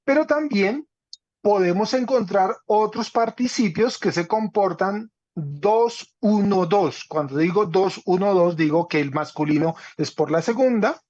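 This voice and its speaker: A man's voice: high voice, unhurried, hardly any pauses, a little mellow, no echo. A man teaching a Greek class online, patiently checking that students follow along. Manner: patient, checks understanding with "¿cierto?". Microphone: video call. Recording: slightly dull, dry online call audio.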